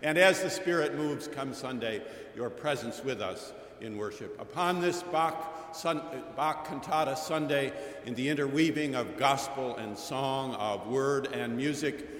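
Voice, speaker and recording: Man, pastor, formal liturgical address, measured and solemn, cathedral echo, chapel broadcast, mid-range voice. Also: medium pitch, fairly bright tone. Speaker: pastor leading worship. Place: chapel sanctuary. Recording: echoey chapel radio broadcast.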